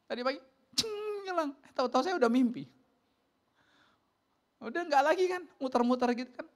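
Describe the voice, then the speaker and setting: A man, a pastor preaching a sermon and telling stories with laughter, lifting his voice high when he quotes people. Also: a little fast. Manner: animated storytelling, jumps high for quoted voices; laughs between lines.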